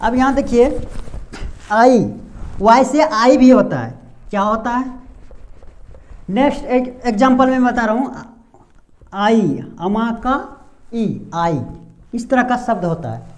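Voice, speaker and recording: A man's voice: extremely high pitch, lively intonation, takes it slowly, pauses often. A man giving a whiteboard pronunciation lesson as an English teacher, asking rhetorical questions and repeating sounds.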